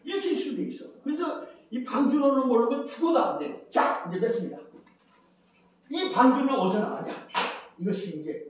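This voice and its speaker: A man's voice: very high-pitched, animated, brisk. An older man giving a rambling Bible lecture as a preacher, chatty, counting and repeating phrases. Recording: very echoey, from far off the mic.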